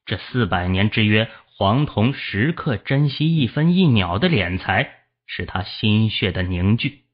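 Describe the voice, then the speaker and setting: A man narrating a fantasy novel audiobook in a steady storytelling voice and voicing its characters. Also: lowish voice, measured pace, husky. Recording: dull lo-fi audio.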